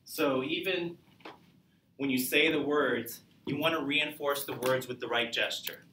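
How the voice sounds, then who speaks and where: A man's voice: medium pitch, a little slow, bright, forceful tone, distant mic, slight background noise. A man teaching a public speaking class, lecturing conversationally and asking students questions. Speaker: college speech instructor. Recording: echoey classroom recorded from afar.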